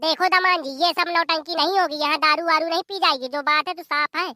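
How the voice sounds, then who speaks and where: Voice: very high voice, fairly even intonation, a little fast, bright, forceful tone, no room sound, clean studio sound, heavily acted. A performer voicing a bossy, scolding older mother-in-law.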